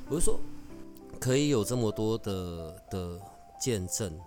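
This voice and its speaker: A man hosting a podcast who talks in a chatty, teasing, animated way. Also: on the low side, unhurried, over music. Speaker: podcast host. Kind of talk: casual podcast conversation.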